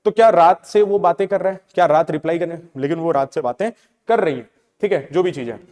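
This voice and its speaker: A young man teaching a class, explaining in Hindi mixed with English, often checking in with "theek hai" and reading English definitions slowly. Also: on the high side, darkish tone. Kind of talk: classroom lecture. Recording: reverberant room.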